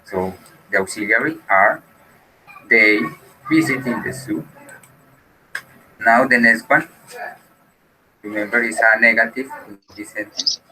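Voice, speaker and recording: A man's voice: fairly low pitch, slow pace, pauses often, pushed and bright, slight background noise, low-quality recording. A man teaching an English class who explains patiently and switches between Spanish and English.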